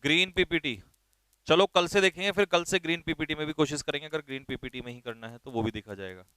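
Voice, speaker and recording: A man teaching a vocabulary class, brisk and directive, spelling words out letter by letter and urging students to write fast. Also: on the high side, pushed and bright, clear, resonant tone, no room sound.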